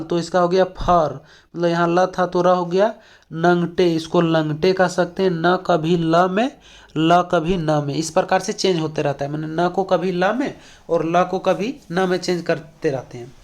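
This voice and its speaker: Man teaching an exam-prep lesson. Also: sits high. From Jharkhand, India. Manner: explains with many fillers and repeated questions.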